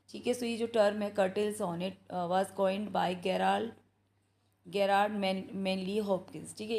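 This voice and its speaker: A woman tutoring for an English exam, reading out questions slowly and explaining each answer in a mix of Hindi and English, often checking in with "thik hai". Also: mid-range voice, gravelly. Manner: slow, steady explaining, mixing Hindi and English, reads questions aloud. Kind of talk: exam practice lesson.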